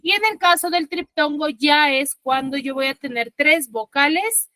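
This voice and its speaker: A woman teacher walks her students through a lesson over a video call, patient and methodical. Her voice sits high and sounds bright, and the sound is dry and close. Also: moderate pace, dry recording. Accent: Peruvian Spanish. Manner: patient, explanatory, checks understanding often. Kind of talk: online class lecture. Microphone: computer mic on video call.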